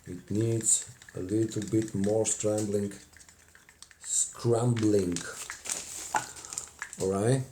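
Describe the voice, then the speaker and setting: A man's voice: fairly low pitch, steady tone, a little hiss or hum. Bulgarian man chatting on a craft live stream. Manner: chatty, warm thanks to viewers, frequent "uh" pauses. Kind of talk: casual live-stream chat while crafting. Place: cluttered home craft table, indoors. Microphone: phone camera close in front.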